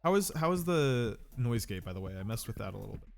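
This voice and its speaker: A man's voice: mid-range voice, very animated, fast talker, gravelly, a little mellow, soft background music. Nasal, sick man chatting casually. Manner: rambling, self-deprecating, loose and profane. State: sick with a cold. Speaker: game streamer. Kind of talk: casual livestream chat.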